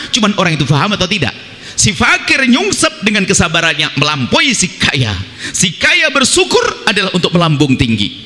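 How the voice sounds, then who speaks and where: A man preaching a sermon, swinging between high emphatic lines and low mocking impressions of other people's prayers. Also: pushed and bright, in a large hall.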